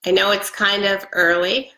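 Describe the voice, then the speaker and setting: Bright and forceful yet flat in delivery, a mid-range female voice at moderate pace belongs to a congested woman in her forties selling products in a casual live stream chat. She's chatty, upbeat, full of ums and frequent laughter. Her close webcam captures roomy echo in a living room with a Christmas tree.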